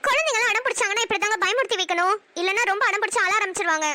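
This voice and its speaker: A woman's voice: very high-pitched, racing, pushed and bright, dry recording. A woman with a Namakkal Tamil accent voicing a playful, bossy young wife who chats and banters in a cartoon. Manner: chatty, bantering. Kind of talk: cartoon voice acting.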